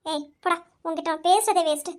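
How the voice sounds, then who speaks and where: A woman's voice: extremely high pitch, brisk. A woman voicing a defiant young student who snaps scornfully at a man bothering her. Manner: sharp, scornful.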